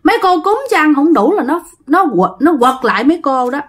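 A woman's voice: high-pitched, big pitch swings, fairly quick, voice pushed up. A woman voicing a confident older male fortune-teller who lectures knowingly. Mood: lecturing.

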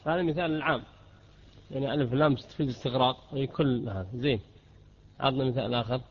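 Fast-talking man teaching jurisprudence, lo-fi. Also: medium pitch, breathy edge. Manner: quizzes students with rhetorical questions and repeats key terms. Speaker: sheikh teaching Islamic jurisprudence. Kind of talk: classroom lesson with questions to students. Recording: dull lo-fi lesson recording.

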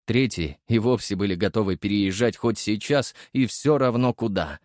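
A man narrating an audiobook in first person with lively storytelling. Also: on the low side, moderate pace, no echo, clean studio sound.

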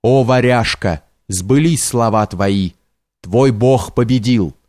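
Brief: male reader doing a grim stranger with a sword, urgent, mid-pitched, dry sound. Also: slow, darkish tone, dry recording, lightly acted. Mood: anguished.

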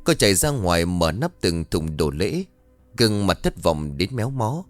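Low-voiced man narrating a ghost story. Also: very animated, moderate pace, dry recording, faint music behind.

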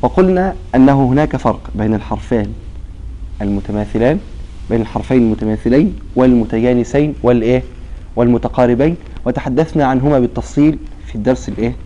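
A man teaching recitation rules in a lesson. He prompts his students with half-finished questions and stretches out example words slowly. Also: medium pitch, warm tone, lo-fi sound.

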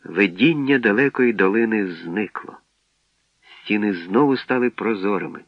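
Low-voiced man reading a story. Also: normal speed, no room sound. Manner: steady storytelling that shifts into acted voices. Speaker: audiobook narrator. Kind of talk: scripted story narration. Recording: dry, dull lo-fi recording.

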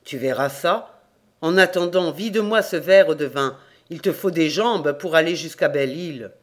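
A stern, knowing old country priest from a storybook, as the audiobook reader puts him on. He scolds and warns in a measured, slightly lowered voice. The pitch sits mid-range, and the lines are read plainly rather than acted out. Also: natural voice. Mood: admonishing. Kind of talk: audiobook character reading.

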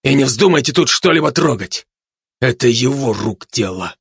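A man's voice: mid-range voice, expressive, moderate pace, gravelly, fairly bright tone, husky, no echo, studio quality, exaggerated voice. A man doing a stern commando dog. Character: gruff male commando dog.

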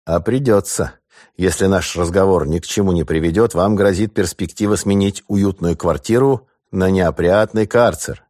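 A man's voice: deep voice, normal speed, a little mellow, dry recording, studio quality. A man doing a cold, sarcastic revolutionary official. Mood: coldly mocking. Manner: sarcastic and cold, then snapping.

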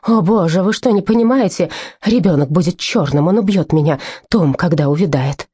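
A woman's voice: normal speed, warm tone, slightly rough, no room sound. Woman voicing a hysterical young woman in labour. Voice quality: shrill and hysterical. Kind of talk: audiobook character voice.

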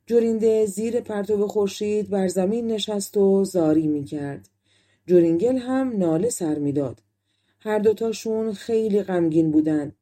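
A woman reading a fairy tale as an audiobook narrator, telling it calmly in a relaxed spoken style. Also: medium pitch. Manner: calm storytelling in colloquial spoken forms. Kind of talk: storybook narration.

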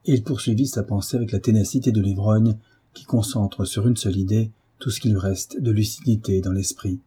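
Husky dark-voiced male audiobook narrator. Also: fairly low pitch, fairly even intonation, brisk. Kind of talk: scripted narration of a classic novel.

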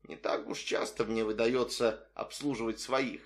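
A man's voice: mid-range voice, flat delivery, a little slow, lightly acted. A man doing a haughty émigré nobleman cabbie. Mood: condescending. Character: Russian émigré taxi driver, haughty nobleman, middle-aged man.

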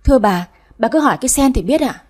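A humble young male servant, read by a woman narrator, reporting politely and deferentially. The voice is husky and rather high. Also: lively intonation, fast.

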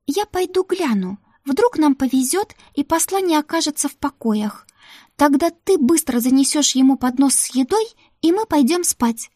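A woman voicing a young, timid and anxious maid girl, speaking in a high, soft, fretful voice. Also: animated, moderate pace, no echo, clean studio sound. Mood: chatty.

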